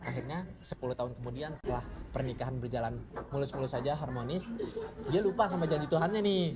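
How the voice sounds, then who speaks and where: A storyteller rapidly telling funny stories and acting out the dialogue. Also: medium pitch. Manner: animated, acts out dialogue. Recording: loud crowd behind the voice.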